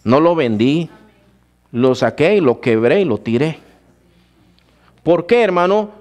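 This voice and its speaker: A man's voice: a little high, lively intonation, measured pace, darkish tone. A man preaching a sermon, telling his own testimony and calling his listeners brother. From Guatemala. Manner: addresses listeners as brother, storytelling.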